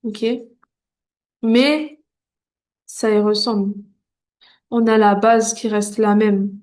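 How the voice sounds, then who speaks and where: In a mid-range, somewhat mellow voice with flat delivery, an Arabic reading teacher leads a lesson for beginners. She stays patient and reassuring, repeating each syllable slowly and clearly, one at a time, and checks in frequently.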